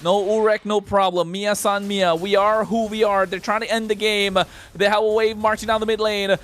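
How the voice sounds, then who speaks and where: A man calls a mobile esports match play by play. His voice sits high and his calls come fast and excited, full of hype chants. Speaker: esports caster. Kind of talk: play-by-play commentary.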